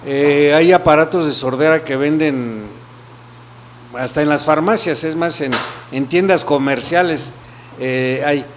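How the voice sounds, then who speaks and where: A man, an audiologist answering interview questions in an explanatory way, often checking in with a quick question. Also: fairly high pitch, background noise. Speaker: audiologist guest.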